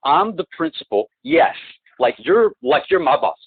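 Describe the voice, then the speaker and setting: A man on a phone call who talks in a halting, rambling way, restarting and repeating words, and presses his complaints insistently, heard through a phone line. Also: high-pitched, huge pitch swings, creaky, breathy edge, dry recording. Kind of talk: phone conversation. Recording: tinny, dry phone-line recording.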